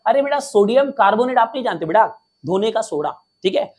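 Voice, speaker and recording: A man teaching a lesson in a playful, energetic way, quizzing students with call-and-response questions and cracking jokes. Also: sits high, brisk, husky. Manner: jokey, drops rhymes and mnemonics.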